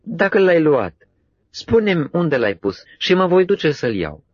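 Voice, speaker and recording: A man's voice: a little high, sing-song, no room sound, muffled recording, voice pushed up. A man voicing a grieving woman disciple, reading her words in a raised, pleading tone.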